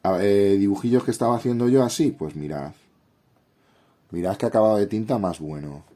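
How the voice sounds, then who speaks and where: A man with a Castilian Spanish accent hosts a casual YouTube tutorial and review of a drawing app, talking informally and directly to viewers while congested with a head cold. His voice is fairly low, brisk, and dark in tone.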